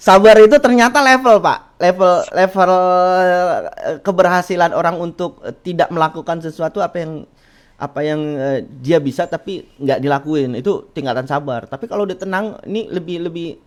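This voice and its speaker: A man's voice: on the high side, moderate pace. A man hosting a casual chat, agreeing often and adding his own thoughts. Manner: agreeable, frequent murmured assents. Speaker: host.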